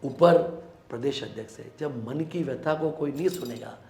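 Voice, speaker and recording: A man's voice: medium pitch, normal speed, creaky, darkish tone, roomy sound. A man from Rajasthan, a local politician, giving earnest, emphatic answers in a sit-down interview.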